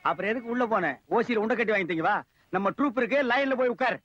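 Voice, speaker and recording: A high, sharp-tongued fake beggar. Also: male voice, animated, fast talker, no room sound, heavily acted. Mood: mocking. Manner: scolding, mocking, bossy insults. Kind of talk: film comedy dialogue. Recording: lo-fi old film soundtrack.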